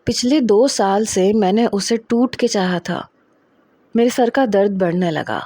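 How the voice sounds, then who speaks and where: A woman's voice: mid-range voice, warm tone, no echo. A woman narrating a romantic first-person story, reading in a dramatic, emotional way and acting out the dialogue.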